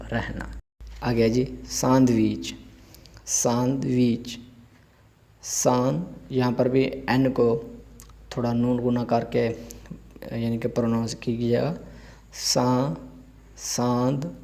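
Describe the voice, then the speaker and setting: A man leads a vocabulary lesson at an unhurried pace, spelling words out syllable by syllable. His voice is mellow and relaxed, with a middle pitch. He stops for short explanations on pronunciation. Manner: slow, drawn-out spelling of words letter by letter; asides in Urdu-Hindi with polite fillers. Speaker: language teacher.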